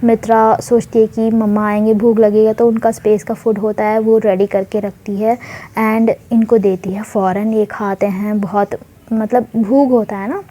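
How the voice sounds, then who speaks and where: Woman, casual storyteller, chatty, mixes in English, mellow tone. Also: mid-range voice, level tone, moderate pace. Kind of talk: casual spoken story narration.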